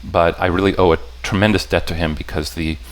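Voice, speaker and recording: A man with a low-pitched, fairly even voice explains puzzle patterns to a live crowd. Frequent restarts and rephrasings mark his speech, along with questions to the audience checking their understanding.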